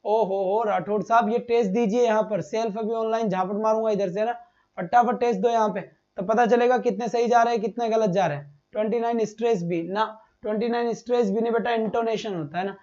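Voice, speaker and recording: A man teaches a live online exam-prep class, firing quick questions at his students, repeating each point and calling them "beta". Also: sits high, steady tone, a little mellow, dull audio.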